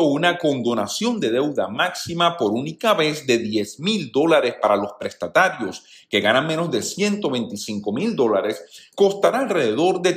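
A man hosting a news channel, giving opinionated commentary in voice-over and addressing viewers as friends. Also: fairly high pitch. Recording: roomy echo.

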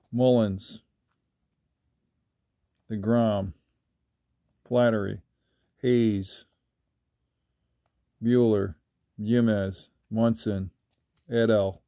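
An older man talking casually while sorting trading cards, rambling with halting restarts. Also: mid-range voice, mellow, dry recording, clean studio sound. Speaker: trading card collector. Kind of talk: casual card-flipping commentary. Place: indoors at a table.

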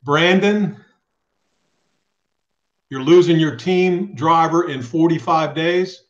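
A man's voice: a little high, slow. Middle-aged man hosting a live chat, roomy sound. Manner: firm, direct, reads viewer questions aloud. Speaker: host of a live trucking channel. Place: small home room. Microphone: webcam on a video call. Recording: roomy, dull webcam audio.

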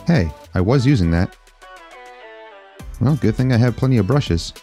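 A man's voice: mid-range voice, expressive, moderate pace, warm tone, soft background music. A man in his thirties hosting a car detailing channel, explaining tools in an upbeat, demonstrating way. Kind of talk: product demo narration. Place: garage workshop.

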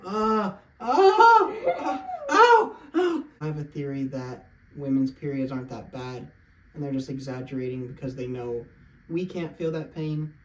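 A man's voice: medium pitch, fairly even intonation, moderate pace, mellow, a little hiss or hum. Young man vlogging in a roomy-sounding space. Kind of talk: casual chat to camera and companion. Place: indoors, bedroom. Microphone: camera a short distance away. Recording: roomy sound, distant microphone.

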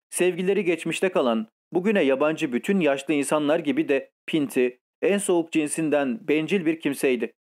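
Audiobook narrator, male, somewhat high voice, steady literary delivery. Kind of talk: scripted narration.

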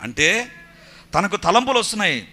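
A male pastor preaching a sermon, moving between quiet storytelling and loud exhortation, with English phrases dropped into his talk. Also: sits high, sing-song, normal speed.

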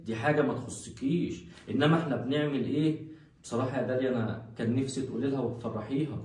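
A man's voice: medium pitch, steady tone, very fast, close to an everyday voice. A man playing a careless, unbothered husband. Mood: offhand. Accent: Egyptian. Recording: echoey room, loud noise.

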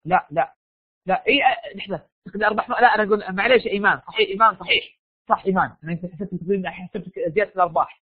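A man's voice: high-pitched, rapid-fire, breathy edge, dry recording. A Saudi man lecturing in a live online class, quizzing his students, sick with a sore throat. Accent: Saudi Arabian. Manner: animated, coaxes students with quiz questions. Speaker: university lecturer. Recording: dry, phone-like online lecture audio.

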